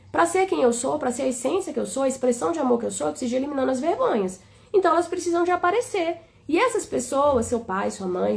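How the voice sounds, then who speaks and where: A woman's voice: high-pitched, vocal fry. A woman with a Brazilian Portuguese accent giving a tender, flowing spiritual talk on a live stream, often asking "né?".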